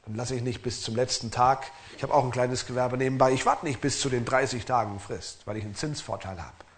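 A man's voice: mid-range voice, brisk. A middle-aged man preaching as a pastor in an earnest, emphatic way, asking his listeners direct questions. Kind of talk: sermon.

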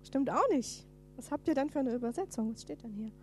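Animated high-voiced woman preaching. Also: brisk, a little hiss or hum. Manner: animated, reads scripture dramatically, drops to whispers. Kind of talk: sermon.

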